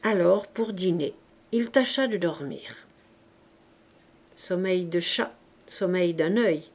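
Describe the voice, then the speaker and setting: A woman reading a classic novel aloud as audiobook narration, measured and deliberate. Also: fairly low pitch, a little mellow. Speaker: audiobook reader.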